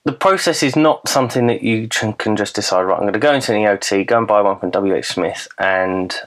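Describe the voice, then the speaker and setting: Low-voiced man hosting from a garden cabin. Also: fast. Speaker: podcast host and interviewer. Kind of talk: conversational interview hosting.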